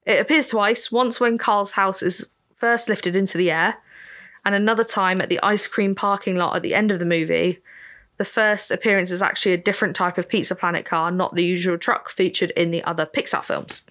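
A woman co-hosting a podcast, chatting casually and with animation. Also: medium pitch. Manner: chatty, animated, quick to laugh. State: hiccups. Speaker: podcast co-host. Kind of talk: casual chat.

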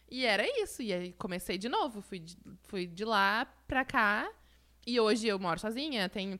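A woman in her thirties with a southern Brazilian gaúcho accent, a guest telling her story in a casual chat. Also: mid-range voice. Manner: animated storytelling, acts out voices in her story. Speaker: guest, influencer.

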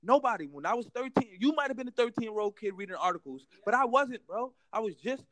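A man's voice: very high voice, animated, fast, fairly bright tone, no echo. A young American man in a heated casual debate, emphatic and repetitive, full of slang and constantly saying bro.

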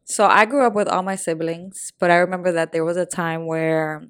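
A young woman from Puerto Rico and the Dominican Republic talks in a candid, slangy, easygoing way as a podcast co-host. Her voice sits a bit low. The sound is close and dry, with no room around it. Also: fairly even intonation, fairly quick, smooth, dry recording. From born in Puerto Rico, raised in the Dominican Republic. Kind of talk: casual chat.

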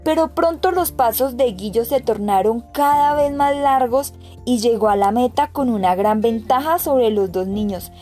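A woman narrating a storybook with even, clear delivery, faint music behind her. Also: fairly high pitch, normal speed. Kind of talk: storybook reading.

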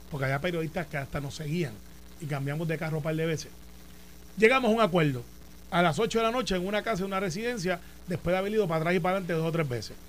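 A Puerto Rican man talks politics in a rapid, chatty rush, his voice sitting a bit high. He tells stories with animation and relish. A soft hum runs underneath. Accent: Puerto Rican Spanish. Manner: animated storyteller, fast and talkative. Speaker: senator and show co-host. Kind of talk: casual political debate.

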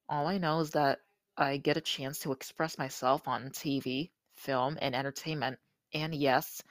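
An eighteen-year-old podcast host talking casually in a slightly crusty, somewhat monotone voice, recorded with earbuds used as a microphone. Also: medium pitch, dry recording. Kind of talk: casual solo podcast talk.

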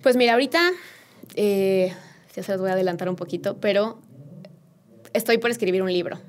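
Animated Mexican woman telling a story. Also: mid-range voice, a little fast, a little hiss or hum. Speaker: podcast guest. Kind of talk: casual interview storytelling.

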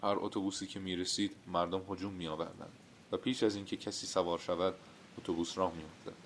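A man narrating a literary short story in a steady, measured storytelling manner. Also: deep voice, a little hiss or hum.

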